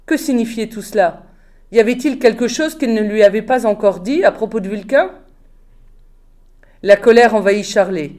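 A woman reads a novel aloud in a calm, measured voice. Her narration is steady and clear. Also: mid-range voice. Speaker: audiobook reader.

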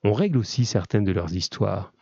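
A man's voice: lowish voice, expressive, normal speed, vocal fry, warm tone, no echo, dull audio. A man voicing a streetwise young male convict who boasts in a matter-of-fact way. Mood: boastful.

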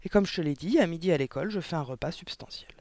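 A man reading a storybook aloud, voicing a gentle, timid young woman schoolteacher who speaks softly and earnestly. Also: on the high side, expressive, quick pace, no room sound.

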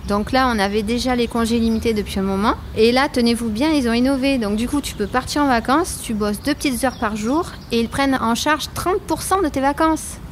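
Woman as high-voiced, proud civil servant. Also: brisk, hardly any pauses, noisy background, natural voice. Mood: enthusiastic. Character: Soline, proud contented female social security veteran of twenty years. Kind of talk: amateur scripted audio drama.

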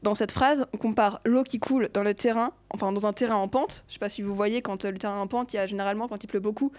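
A woman's voice: mid-range voice, steady tone, quick pace, darkish tone, no room sound. A teenage girl co-hosting a student show, explaining her poem with hesitant, stumbling restarts. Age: teens. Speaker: student co-host.

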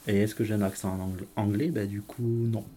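A young adult man with a southern French accent answers interview questions as an English teacher. His voice sits very low and sounds dark and mellow, and he talks in an easygoing, halting way. Faint noise hangs behind him. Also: fairly even intonation. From south of France.

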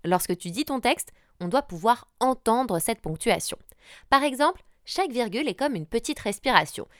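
A woman's voice: on the high side, moderate pace, no echo, clean studio sound. A young woman, a radio journalist, giving an upbeat scripted tutorial that speaks straight to the listener. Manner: lively, addresses the listener directly, models intonation.

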